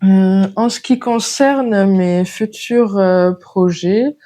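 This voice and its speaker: A woman's voice: medium pitch, slow, dark tone. A woman hosting a knitting podcast, chatting casually and hesitantly with many fillers. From France. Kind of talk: casual chat.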